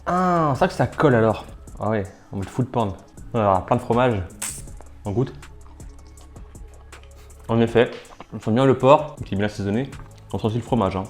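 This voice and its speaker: A man hosting a food challenge video, chatting casually with lots of fillers while he cooks and tastes dishes at home. His voice sits at an ordinary middle pitch, and he talks between bites, sometimes with his mouth full. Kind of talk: casual food vlog commentary. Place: at home kitchen and dining table.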